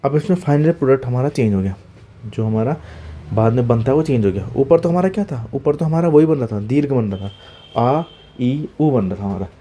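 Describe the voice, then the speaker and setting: Mellow-voiced male grammar teacher. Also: medium pitch, lively intonation, brisk. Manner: asks questions and answers them himself; checks in with "okay?" after each point. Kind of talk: exam-prep grammar lecture.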